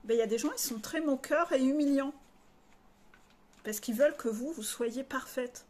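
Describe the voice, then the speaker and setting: Frank, slangy woman coach with a high voice. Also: normal speed, darkish tone. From northern France. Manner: frank and confiding, with blunt slang. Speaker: life coach. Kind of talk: candid personal monologue to followers.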